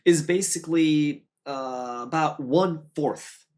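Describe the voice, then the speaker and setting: A man's voice: fairly high pitch, slow, darkish tone. A man in his thirties, hosting a podcast in casual conversation, rambling with lots of fillers and tag questions. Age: 30s. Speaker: podcast host and dojo head.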